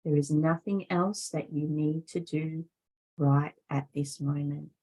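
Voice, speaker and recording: Speaking with a deep voice, a female yoga instructor takes listeners through a guided meditation. Her delivery is calm, soothing, and deliberate, broken by long pauses between phrases.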